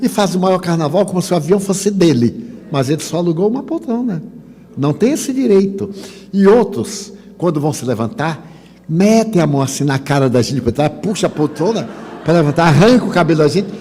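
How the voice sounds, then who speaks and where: A man's voice: a little high, fairly quick, a little hiss or hum. An older man with a Bahian Brazilian accent, giving a spiritist lecture full of humorous anecdotes and acting out dialogue. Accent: Bahian Brazilian Portuguese. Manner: animated storytelling, acts out dialogue. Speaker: spiritist speaker. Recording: long hall reverb.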